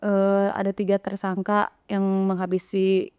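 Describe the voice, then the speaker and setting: A woman's voice: medium pitch, monotone, measured pace, darkish tone, clear, resonant tone, no echo, studio quality. A woman, retelling a painful story in an interview and acting out the dialogue with hesitant restarts. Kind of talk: emotional retelling of events.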